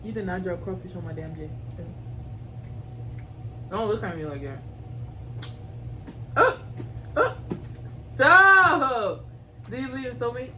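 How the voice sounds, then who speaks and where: Hosting a couple's mukbang question game, a woman chats casually and informally in a playful, teasing manner. Her lowish, slightly mellow voice is expressive and fairly quick, with frequent pauses. The mic is distant and the background is clearly noisy.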